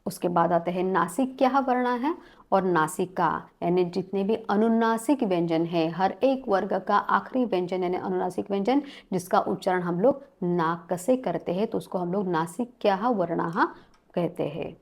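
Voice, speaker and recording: A woman's voice: on the low side, moderate pace. A woman teaching a Sanskrit lesson, listing sounds one at a time and mixing English words into her speech. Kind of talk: spoken classroom-style lesson.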